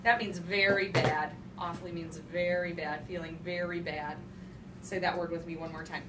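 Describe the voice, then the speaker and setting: A woman teacher reads aloud to young children and gives them instructions, using simple repeated phrases and stressing key words. Her voice sits on the low side, flat and at a moderate pace. The echoey, noisy classroom is picked up by a distant microphone, with children talking and room noise behind her.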